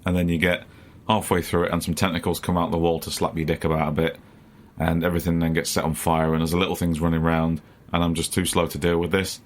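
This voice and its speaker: Podcast co-host, man, very low voice, sweary and jokey. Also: monotone, quick pace, hardly any pauses. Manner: swears freely, laughs often, acts out quotes. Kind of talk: casual chat.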